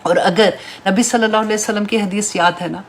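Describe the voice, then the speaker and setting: A woman's voice: mid-range voice, fairly even intonation, a little hiss or hum. A woman teaching a Quran tafsir class, reading Arabic verses and explaining them in Urdu, with an encouraging tone that often checks with her students. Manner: warm, encouraging teaching tone with tag questions.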